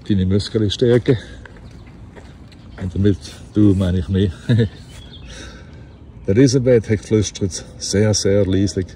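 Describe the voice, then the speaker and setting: A man with a Basel Swiss German accent reading a fairy tale aloud outdoors, relaxed and chatty, with laughs and self-corrections. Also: low voice, a little hiss or hum. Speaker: storyteller.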